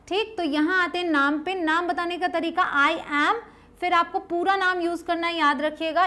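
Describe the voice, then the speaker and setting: High-voiced woman teaching spoken English. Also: fairly bright tone. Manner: coaxing, repeats questions to the viewer and answers them; slows down to model English phrases.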